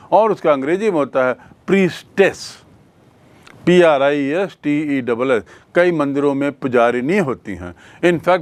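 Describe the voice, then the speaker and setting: A male teacher leads a grammar lesson at a very unhurried pace, asking questions and answering them himself. His voice sits somewhat high for a man, and he spells words out letter by letter. The recording is dry and close. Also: no room sound. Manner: explains in Hindi mixed with English, repeats questions and spells words letter by letter.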